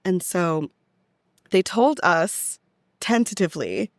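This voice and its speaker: A young American woman, telling stories the way a touring theatre actress would, chats casually as a podcast guest. Her voice is fairly low with lively intonation and a slow pace. The studio recording is clean and echo-free.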